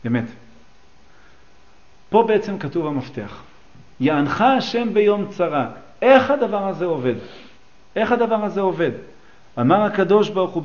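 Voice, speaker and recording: A man's voice: on the high side, dull audio. A man teaching a class on scripture, explaining the texts line by line and asking his listeners questions. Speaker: religious teacher. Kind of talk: teaching a class on a psalm and midrash.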